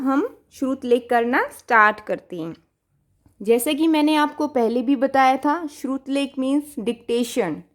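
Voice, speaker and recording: High-pitched lady teacher talking slow to little kids, patient, stretches out each word for dictation. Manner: patient, mixes English words into Hindi, drags out dictation words syllable by syllable. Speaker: primary school Hindi teacher. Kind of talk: online class for young children.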